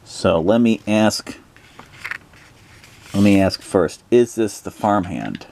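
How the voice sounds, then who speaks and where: A man's voice: lowish voice, lively intonation, takes it slowly, creaky, a little mellow, slight background noise. A man narrating a solo tabletop adventure, thinking aloud with plenty of hesitations as he rolls and decides. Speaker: solo tabletop game player.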